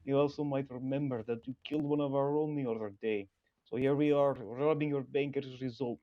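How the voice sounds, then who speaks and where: A man's voice: medium pitch, fairly even intonation, fairly quick, no echo, lightly acted. A man voicing a menacing male bank robber with a put-on Russian accent and broken English, over a dull lo-fi voice chat. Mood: threatening. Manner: broken English, threatening, curt.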